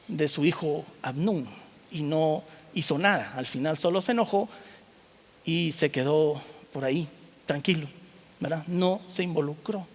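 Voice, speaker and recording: High-voiced man preaching in a reverberant hall. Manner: animated storytelling, acting out the characters' lines; asks the audience rhetorical questions. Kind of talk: sermon retelling a Bible story.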